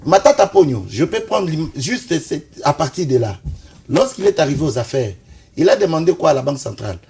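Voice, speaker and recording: On a debate show, a Congolese political commentator from Kinshasa makes his analytical case insistently and pushes back when cut off. His fairly high voice is sing-song, brisk, creaky and darkish, with a little hiss or hum in the recording.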